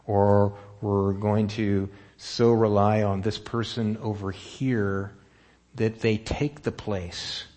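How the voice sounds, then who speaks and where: Lower-voiced man preaching conversationally. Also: a little mellow. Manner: conversational, asks the room questions. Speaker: pastor. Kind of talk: sermon.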